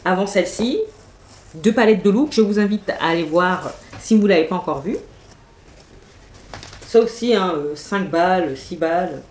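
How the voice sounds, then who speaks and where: A woman's voice: lowish voice, expressive, moderate pace, long pauses, darkish tone. A woman, chatting enthusiastically through a makeup and clothes haul, full of fillers and asides. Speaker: beauty vlogger. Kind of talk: casual haul video chat. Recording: echoey room, faint noise.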